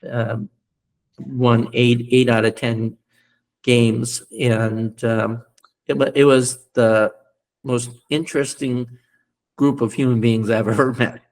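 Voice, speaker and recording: An older man from the United States tells long stories in a relaxed interview. He wanders through his sentences, stopping on ums and uhs and restarting, and he often breaks into a chuckle. His voice sits at an ordinary middle pitch for a man. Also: takes it slowly. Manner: rambling, many fillers and restarts, chuckles while recalling. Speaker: podcast guest, former rugby player and coach. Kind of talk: casual interview storytelling.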